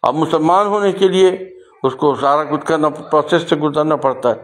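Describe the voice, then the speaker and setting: A man's voice: a little high, fairly bright tone. An older man and poet, speaking in an earnest, lecturing way and giving examples. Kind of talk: casual spoken talk on language.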